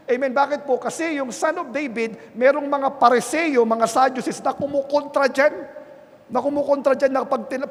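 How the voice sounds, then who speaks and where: Male pastor, Filipino accent, very high voice, church sermon, long hall reverb. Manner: punctuates nearly every phrase with "Amen?" to the congregation; swings from quiet earnest talk to loud, emphatic preaching. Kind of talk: bilingual Sunday sermon. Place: church sanctuary. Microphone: handheld microphone.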